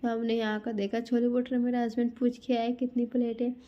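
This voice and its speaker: A woman's voice: a little high, completely flat delivery, fairly quick, highs cut off. A woman in her thirties telling a family outing story in a chatty casual vlog, talking straight to her viewers. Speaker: vlogger.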